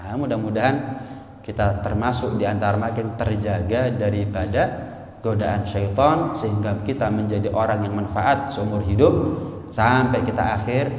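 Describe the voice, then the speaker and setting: A man preaches a sermon in an animated, exclaiming way, slipping in phrases. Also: lowish voice, moderate pace, a little hiss or hum. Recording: echoey hall reverb.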